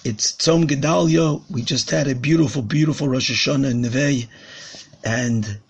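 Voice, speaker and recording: A man with a hoarse, worn-out voice giving a short religious teaching, emphatic and repeating phrases, mixing Hebrew terms into English. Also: mid-range voice, normal speed, slight background noise. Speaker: rabbi, podcast host.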